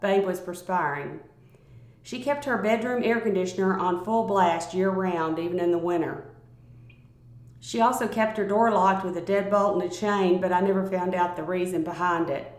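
A woman narrating a first-person story aloud in a calm, measured reading voice. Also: fairly low pitch. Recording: roomy, echoey recording.

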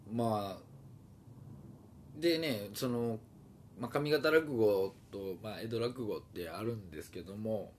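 Man, Kansai accent, very low voice, casual solo talk, rambling, lots of fillers. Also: takes it slowly, a little mellow, slight background noise. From Osaka. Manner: meandering, many fillers and hesitations.

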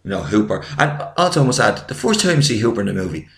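Man, gravelly, rapid-fire, from Ireland, eager film chat, echoey room. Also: lowish voice, big pitch swings, fairly bright tone. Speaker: podcast co-host.

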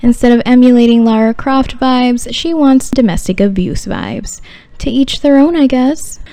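A woman's voice: fairly high pitch, normal speed, warm tone, no echo. A woman hosting a podcast, telling scripted personal stories in a sultry, wry, arch delivery with no discernible regional accent. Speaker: podcast host.

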